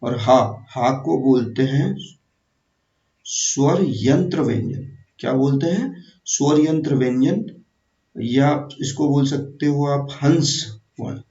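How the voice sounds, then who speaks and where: A man teaching an exam-prep grammar lesson, repeating terms slowly and quizzing the viewer. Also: mid-range voice, mellow. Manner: slow, repetitive, quizzing the viewer. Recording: echoey, distant, dull room sound.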